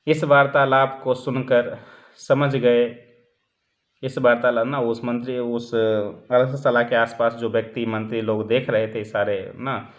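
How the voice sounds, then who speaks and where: A man's voice: medium pitch, little pitch movement, measured pace. A male teacher giving a lecture, explaining step by step, asking questions and answering them himself, and often checking in with his students. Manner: keeps checking in with the class. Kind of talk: classroom lecture explaining a text. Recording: dull lo-fi recording.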